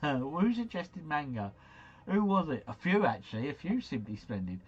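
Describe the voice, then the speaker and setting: A man hosts a livestream, playing a quiz game while chatting with viewers and jokily reading their messages aloud, mumbling and stumbling over foreign names. His fairly high, sing-song voice is slightly rough and comes at normal speed through lo-fi sound.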